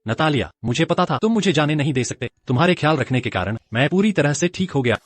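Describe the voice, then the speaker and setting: A man's voice: a little high, expressive, quick pace, a little hiss or hum, lightly acted. An actor playing a remorseful male CEO who earnestly pleads for forgiveness, in a Hindi drama dub. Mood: hopeful.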